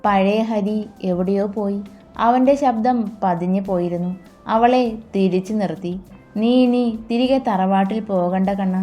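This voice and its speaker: Soft-voiced woman narrating a romance. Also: a little high. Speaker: storyteller. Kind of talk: scripted romance narration with character dialogue.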